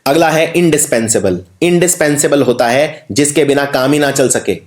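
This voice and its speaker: A man with an Indian accent teaches English spelling for an exam. He explains each word slowly and spells it out letter by letter. His voice sits a little high, and the room has a roomy echo. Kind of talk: exam-prep spelling lesson.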